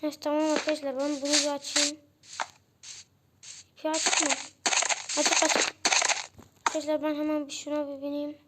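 A high-pitched young girl chats her way through a game for her channel, calling out to her viewers every few words. Loud noise runs under her voice the whole time. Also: monotone, normal speed, pauses often. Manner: chatty, addresses viewers as friends constantly. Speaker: gaming channel host. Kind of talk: casual game commentary.

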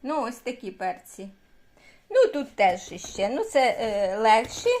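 Woman in her 60s, high voice, swooping lively pitch, casual chatty vlog, outdoors, faint background noise. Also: unhurried, no echo. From Ukraine. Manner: chatty, coos baby talk to a toddler. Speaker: retired vlogger, great-grandmother. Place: outdoors on an evening walk.

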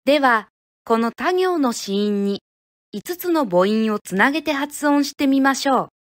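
Japanese woman teaching pronunciation, high voice, super slow and careful, dry close sound. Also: lively intonation, no echo. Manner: clear, deliberate, demonstrates sounds syllable by syllable.

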